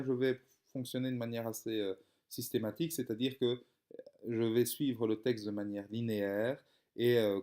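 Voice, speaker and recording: A man's voice: medium pitch, dark tone. A young man, explaining a reading lesson step by step, with frequent hesitations and fillers. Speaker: teacher.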